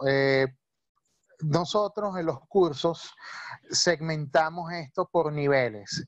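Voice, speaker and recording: Patient male teacher, a bit high, dry lo-fi video call audio. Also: no room sound. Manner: patient, many fillers and checking questions. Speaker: language teacher. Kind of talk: explaining in a video-call talk.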